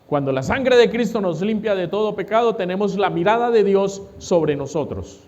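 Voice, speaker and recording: A man preaches a sermon in a fairly high voice. He keeps asking the congregation questions and answering them himself. The recording is dull and lo-fi. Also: animated, moderate pace, a little mellow. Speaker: pastor.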